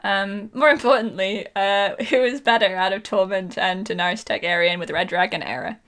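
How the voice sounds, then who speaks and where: A woman's voice: medium pitch, normal speed, fairly bright tone, clean tone. A woman co-hosting a podcast, chatting casually and playfully with lots of ums and laughter. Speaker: podcast co-host. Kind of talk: casual chat.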